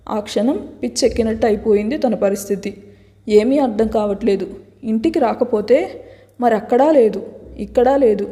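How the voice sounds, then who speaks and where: A woman storyteller narrating a serialized romance story in a steady, dramatic reading. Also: on the high side. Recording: long hall reverb.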